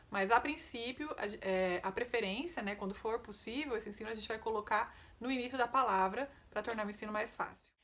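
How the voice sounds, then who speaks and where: A woman's voice: on the high side, pushed and bright. A woman speech therapist, giving a patient, didactic online lesson and often checking in with tag questions.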